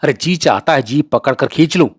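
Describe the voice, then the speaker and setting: A man voicing a hot-tempered young village man in a read-aloud story, gruff and taunting. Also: a little high, animated, fairly quick, no room sound, clean studio sound. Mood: angry.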